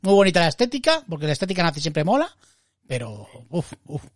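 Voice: mid-range voice, very animated, quick pace, dry recording, studio quality. A co-host with a Spain Spanish accent in casual podcast chat, blunt, swearing freely and often tacking on "tío".

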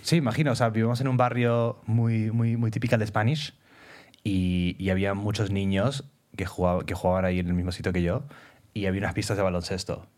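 A young man from Peru co-hosting a casual podcast chat, telling stories animatedly and acting out quotes with sudden high exclamations. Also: steady tone, fairly quick, darkish tone. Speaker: podcast co-host.

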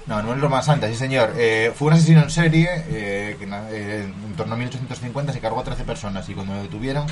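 Male co-host, lowish voice, crude joker, loose casual chat. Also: fast talker. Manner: joking storyteller, crude and laughing. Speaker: podcast co-host.

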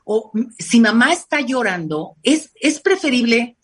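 Mexican woman, husky and fairly high-pitched, lively expert guest acting out what parents say. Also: a little slow. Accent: Mexican Spanish. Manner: animated, acts out quoted parents in lively voices. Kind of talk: conversational interview.

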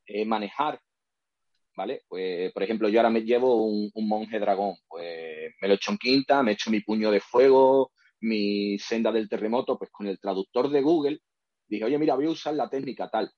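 A man, talking in a halting, rambling way full of fillers on a podcast. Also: on the low side, no room sound. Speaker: podcast guest. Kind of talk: casual podcast discussion. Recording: dull, dry lo-fi sound.

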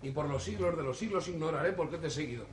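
An actor playing a skeptical, bewildered friend who jokes and wisecracks, with a Spain Spanish accent. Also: male voice, fairly high pitch, quick pace, a little hiss or hum, natural voice. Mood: mocking. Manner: joking, wisecracking. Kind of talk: 1960s TV stage play acting.

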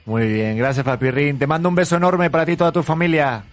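A man's voice: on the high side, quick pace, soft background music. A man with a Spanish accent hosting an interview in a jokey, affectionate way, laughing often. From Spain. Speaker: host. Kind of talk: casual interview chat.

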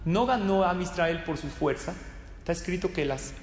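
Male rabbi-teacher, high voice, storytelling lecture style, recorded in a reverberant hall. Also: moderate pace, a little hiss or hum. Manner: storytelling, poses questions to the audience. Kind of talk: religious study lecture. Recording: echoey hall.

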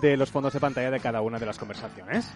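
Faint music plays behind this man, whose mid-range voice races as he co-hosts a casual podcast. He explains tech news items at length in a loose, chatty manner.

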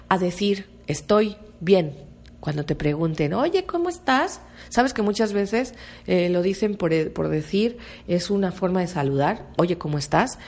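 A woman from hosting a self-help podcast, encouraging and repetitive as she speaks straight to the listener. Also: mid-range voice. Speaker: podcast host.

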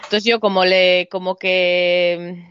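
A woman's voice: fairly low pitch, little pitch movement, slow pace, a bit bright, clear, resonant tone, dry recording, lo-fi sound. Joking, hesitant young-sounding woman. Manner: jokey, hesitant, many fillers and restarts. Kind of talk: casual chat.

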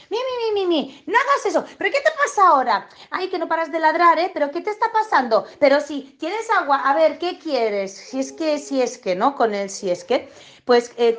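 A woman with a Spain Spanish accent talks viewers through dog training in a loose, chatty way. Her voice sits fairly high, and she keeps wandering off topic before pulling herself back. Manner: chatty and digressive, acts out owners and dogs in high voices. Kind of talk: casual spoken lesson to viewers.

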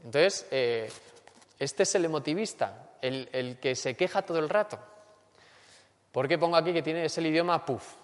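A man with a Spain Spanish accent giving a lecture and acting out everyday complaints in a lively way. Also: fairly high pitch, normal speed. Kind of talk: lecture on character education. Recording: long hall reverb.

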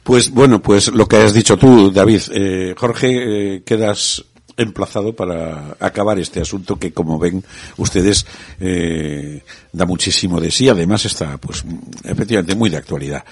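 A man hosting a radio talk show, speaking in a relaxed, conversational way with frequent hesitations. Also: low-pitched, moderate pace, husky, no room sound.

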